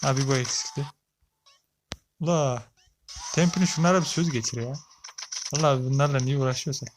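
A man's voice: mid-range voice, fairly even intonation, brisk, background noise. A man giving casual gameplay commentary as a let's play gamer, chatting with viewers and talking back at the characters on screen.

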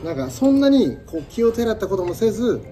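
Kansai guy chatting over dinner, talks fast and excited, repeats stuff, music in the back. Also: high voice. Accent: Kansai Japanese. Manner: enthusiastic, repeats phrases emphatically. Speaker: food review presenter. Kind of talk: casual chat while eating and drinking wine.

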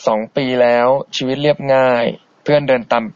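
A man in the host's chair of an internet radio show, talking in a relaxed, polite, chatty way as he answers listeners. His voice sits at an ordinary middle pitch and comes through a dull, boxy low-bitrate stream, close to the mic with no room sound around it. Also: brisk, no echo. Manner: easygoing and polite, chatty, soft-spoken asides. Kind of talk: casual radio chat reading listener messages.

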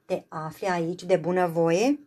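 A woman voicing a fearsome but kind-hearted male beast with a hoarse voice, in a storybook reading. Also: fairly low pitch, mellow, lightly acted. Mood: welcoming.

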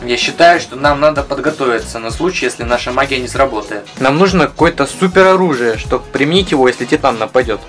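A man's voice: medium pitch, fast, hardly any pauses, a bit bright. A young man speaking scripted dialogue in a comic skit. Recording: music behind the voice.

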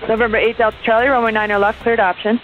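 A woman's voice: a little high, flat delivery, racing. A woman working as an air traffic controller over the radio, speaking in clipped procedural phrases. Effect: aviation radio. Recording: dull lo-fi radio, faint music behind.

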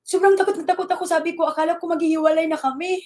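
A middle-aged woman with a high voice tells her own story as a testimony. She speaks politely and with energy, and voices the people she quotes to bring her account to life. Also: racing. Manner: animated retelling that acts out quoted dialogue; polite, uses respectful particles. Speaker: network marketing member giving a testimony. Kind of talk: personal storytelling.

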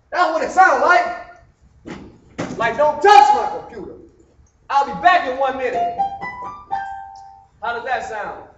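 A man's voice: very high-pitched, a bit bright, slight background noise, poor audio. A man rambling on and on to himself and the people around him while playing piano indoors, repeating himself and asking "huh?". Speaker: church pianist. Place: indoors by a piano at a community building.

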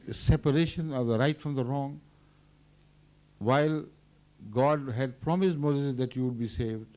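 An older man, a religious leader, giving a measured, thoughtful explanation at a microphone during a question session. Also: mid-range voice, warm tone. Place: large indoor hall. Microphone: standing microphone.

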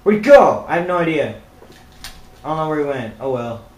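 Young man, joking game commentary, playful, lively pitch swings. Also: fairly quick, echoey room, a little hiss or hum, poor audio. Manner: goofy, playful, bursts of shouting. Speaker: gamer.

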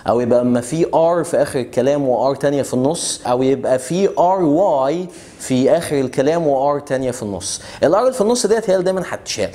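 A young man with an Egyptian Arabic accent teaching English pronunciation in a casual video lesson, joking and boastful, slowing right down to spell out example words. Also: medium pitch, darkish tone. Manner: boastful, joking, rapid chatty explanations with slow drawn-out example words.

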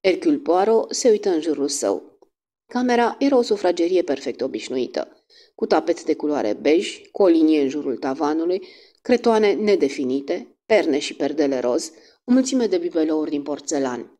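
A woman narrating a classic detective audiobook with a measured, expressive reading. Her voice is low and dark, and her pitch moves in wide, lively arcs. The delivery is steady and scripted.

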